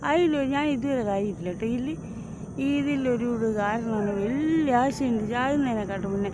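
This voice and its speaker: Animated and a little high-pitched, she talks at a moderate pace over a noisy background. The Mahe Malayalam-accented vlogger and home tutor, in her fifties and from Mahe, Puducherry, wanders through a chatty phone vlog on her early-morning outdoor walk, often restarting and leaning on fillers.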